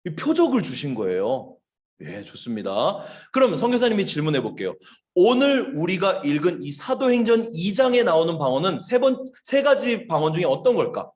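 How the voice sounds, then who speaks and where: A man, a missionary, giving a lively children's sermon, telling stories and asking the kids questions. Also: high voice, normal speed. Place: church service, online.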